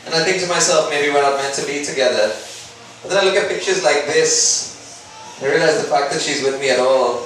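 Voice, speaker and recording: In this very echoey indoor room at a live comedy event, a man from Sri Lanka performs a conversational, self-deprecating stand-up routine. His mid-range voice is a bit bright, and the distant mic picks up background noise.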